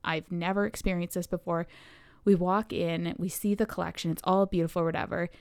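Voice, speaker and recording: Gravelly-voiced woman telling a lively story. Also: on the low side, brisk, no echo, studio quality. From Canada. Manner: animated storyteller acting out quotes. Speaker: podcast co-host. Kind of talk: casual storytelling chat. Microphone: podcast microphone.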